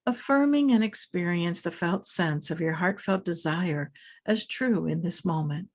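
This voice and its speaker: Calm and measured, a woman leads a guided meditation from a script, pausing between phrases. She is the meditation teacher, and her soothing voice is on the low side.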